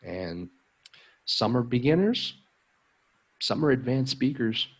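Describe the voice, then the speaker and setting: An American man, an English tutor, hosts a casual live stream, chatting in a friendly, upbeat way with lots of ums. His mid-range voice is very animated and slow, and the audio quality is poor.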